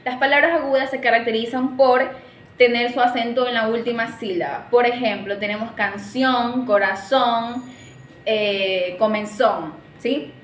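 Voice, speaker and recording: A woman's voice: on the high side, steady tone, measured pace, echoey room, slight background noise. A young woman, a student, giving a class presentation and explaining with frequent checking questions. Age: young adult. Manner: explains, often adds a checking "¿sí?".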